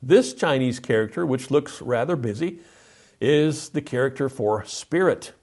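A man's voice: medium pitch, lively intonation, unhurried, a little mellow. A man teaching a Bible study lesson, walking through slides step by step and reading scripture aloud with emphasis.

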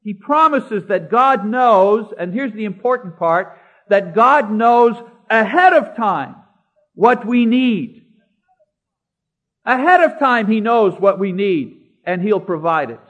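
A man preaching a sermon, slowing down to stress key words and citing scripture by chapter and verse. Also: high-pitched, lively intonation, a bit bright. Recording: dull lo-fi recording.

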